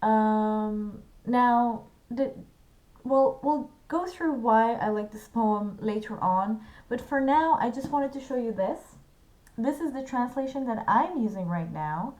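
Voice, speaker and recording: A poetry video host talks casually about a poem she loves, slowly and hesitantly, with earnest personal enthusiasm and many fillers and restarts. Her voice sits on the high side with a darkish tone, and the audio quality is poor.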